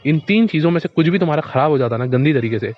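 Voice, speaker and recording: A man's voice: on the high side, expressive, racing. A man speaking as a motivational speaker, giving blunt advice in a casual, direct way, often repeating himself and calling the listener his friend. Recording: dull lo-fi recording.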